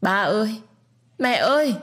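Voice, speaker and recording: A woman's voice: medium pitch, lively intonation, unhurried, a bit bright, pitched above the performer's own voice. A woman voicing a five-year-old boy who cries out in grief. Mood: wailing. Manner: crying out, wailing. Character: small boy, grief-stricken child.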